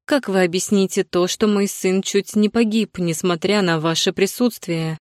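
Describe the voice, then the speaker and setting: A woman voicing a haughty, scheming aging stepmother who sneers and turns shrill. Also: fairly even intonation, moderate pace, darkish tone, dry recording, clean studio sound, lightly acted. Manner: sneering, shrill when upset. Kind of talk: audiobook character voicing.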